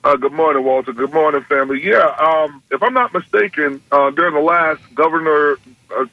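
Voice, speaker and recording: Radio call-in man heard over the phone, earnest and measured, on a muffled, close line with no room sound. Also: a little high, no echo. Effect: heard through a phone line on a radio call-in. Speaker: caller to a radio show. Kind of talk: call-in comment. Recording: dull, dry phone line.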